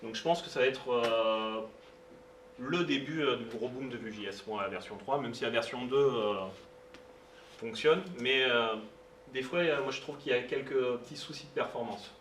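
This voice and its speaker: A man presents a technical talk to a live meetup audience, pausing often and filling gaps as he goes. He is heard from a distance in a roomy space, with a faint hiss underneath. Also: medium pitch, fairly bright tone. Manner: hesitant, many fillers, informal asides. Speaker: meetup speaker. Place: meetup room. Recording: roomy sound, distant mic, faint noise.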